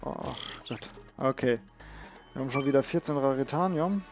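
A medium-pitched man talking at normal speed offers casual, off-the-cuff commentary as a let's play host, repeating words while he searches for them. Video game music plays behind his voice.

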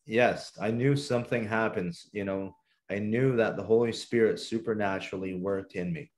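Podcast guest, a man with a low voice, from southern Ontario, Canada; earnest, reflective testimony. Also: steady tone, normal speed. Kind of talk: personal testimony in a podcast interview.

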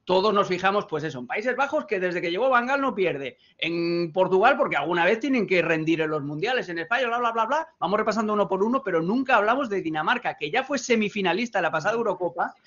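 A man's voice: high-pitched, expressive, quick pace, few pauses, fairly bright tone. A man in his thirties with a Spanish accent from Spain, talking football in a loose, hesitant, ironic way. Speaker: football analyst. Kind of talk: casual sports debate. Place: home room. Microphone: desk mic on video call. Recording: lo-fi video call audio.

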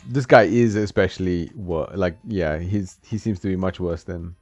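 This deep-voiced man speaks at normal speed with a darkish tone, laughing as he gives relaxed gameplay commentary and answers the game's characters. Game music plays under a slightly dull, lo-fi mic.

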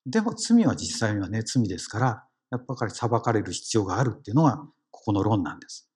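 A man's voice: fairly low pitch, big pitch swings, fast, a little mellow, breathy edge. A man with a Kansai accent giving a conversational sermon as a lay preacher, engaging the congregation with questions. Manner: engaging, asks the congregation questions, frequent "ne" tags.

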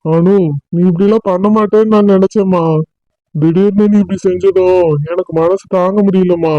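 A man voicing a gentle middle-aged father in a cartoon, calm and pleading, with a Tirunelveli Tamil accent. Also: high-pitched, normal speed, muffled recording, natural voice. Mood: soothing.

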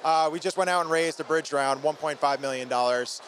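The recording catches a faint convention hall murmur as a thirty-something founder chats energetically and informally in a trade show interview. He holds a microphone at a busy indoor booth, and his voice runs on the high side, fairly quick and fairly bright.

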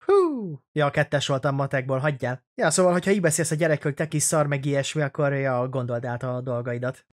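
A young man hosting a let's play, giving jokey, sarcastic, rambling commentary on a horror game. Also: mid-range voice.

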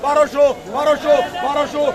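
A man working as an auctioneer at an outdoor market, chanting prices over and over in quick repeated calls. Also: very high-pitched, completely flat delivery, over a noisy crowd. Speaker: auctioneer and wholesale market trader. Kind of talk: live auction calling. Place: busy outdoor wholesale fruit market. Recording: crowded noisy outdoor market.

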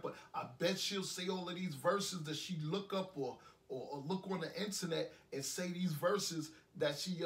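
A man's voice: high voice, fairly bright tone. An actor with a New York accent playing a heartbroken young man who rambles bitterly and repeats himself in an indie film monologue. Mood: brooding. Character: heartbroken young man ranting after breakup. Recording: echoey room, voice from a distance.

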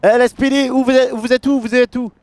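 A man playing a police officer in a roleplay game, shouting commands, his voice echoing as if he were in an enclosed hollow space. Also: very high-pitched, little pitch movement, fast.

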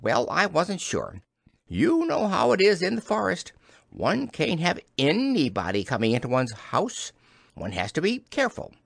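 A man's voice: on the high side, wildly swooping pitch, normal speed, gravelly, fairly bright tone, no room sound, clean studio sound, pitched above the performer's own voice, exaggerated voice. A man voicing a fussy, wary rabbit in a storybook, clipped and evasive. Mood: fussy, cautious. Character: fussy, wary male rabbit, curt householder.

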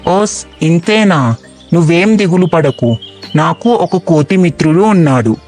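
Lady putting on a deep sly crocodile guy from a kids cartoon, coaxing and pleading, slow. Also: lively intonation, darkish tone, soft background music. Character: scheming male crocodile, friendly then treacherous.

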